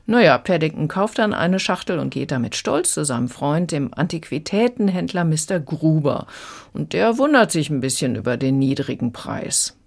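A woman's voice: sits low, expressive, normal speed, vocal fry. A woman giving a friendly, explanatory radio review of a children's audiobook.

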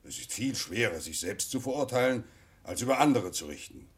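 An actor playing a pompous, lonely old king in a children's audio drama, with an imperious, drawn-out, husky delivery. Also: medium pitch, lively intonation, lightly acted. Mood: persuading, weighty. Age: older.

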